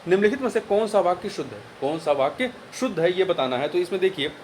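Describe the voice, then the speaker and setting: A man's voice: sits high, expressive, fast, a little mellow, slight background noise. A man working through a Hindi spelling test as a tutor, repeating each word and spelling out the corrections. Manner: explains corrections by repeating words and spelling them out. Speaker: exam tutor. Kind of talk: exam answer walkthrough.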